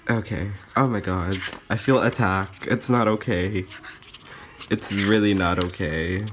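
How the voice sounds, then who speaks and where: A young man vlogging an unboxing in a casual chat, gushing and excitable, often squealing. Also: fairly low pitch, unhurried, background noise.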